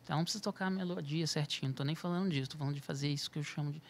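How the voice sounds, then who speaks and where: A man's voice: on the high side, very fast, gravelly. A man, a music therapist and podcast guest, explains at length, restarting his phrases, adding tag questions and sometimes chanting rhythm syllables to demonstrate. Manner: thinks aloud with frequent restarts and tag questions.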